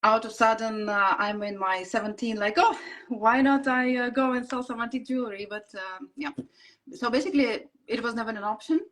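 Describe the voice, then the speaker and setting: A woman's voice: a little high, fairly even intonation, a little fast, a bit bright. Russian-accented woman chatting on a video call. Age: 40s. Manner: chatty, many fillers, laughs easily. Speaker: guest. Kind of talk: casual interview chat.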